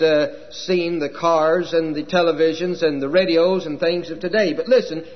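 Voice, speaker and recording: A folksy preacher man delivers a sermon in a fairly high voice, halting over his words. The recording is dull and lo-fi, with a long hall reverb trailing every phrase. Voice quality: folksy, halting with many uh fillers. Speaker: chaplain preacher.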